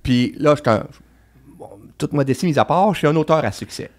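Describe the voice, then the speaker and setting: Québécois male guest, quick and emphatic, lively delivery, casual swearing. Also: on the high side. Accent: Québécois French. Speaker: guest novelist. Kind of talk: casual podcast chat.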